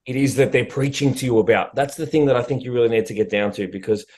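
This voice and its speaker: A blunt man co-hosting a fitness coaching podcast, speaking quickly in a casual, loose chat. He swears offhandedly and keeps a medium pitch. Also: darkish tone. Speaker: prep coach podcast host.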